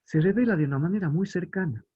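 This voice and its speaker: A man's voice: high voice, dark tone, husky, lo-fi sound. A man giving a religious lesson to families, explaining patiently and asking questions that he answers himself. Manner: reads scripture aloud slowly. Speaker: family catechist.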